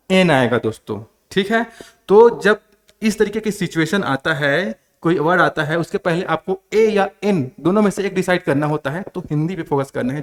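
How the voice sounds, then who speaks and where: A man from India with a Chhattisgarh accent, teaching a grammar class. He asks questions and answers them himself. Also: a little high. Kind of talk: classroom lecture. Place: coaching class.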